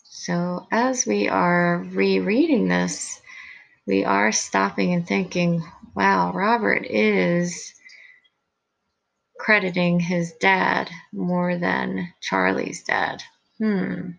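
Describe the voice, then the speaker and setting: A woman teacher reading a picture book aloud with expressive delivery, pausing to comment for her listeners. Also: on the low side, creaky, lo-fi sound.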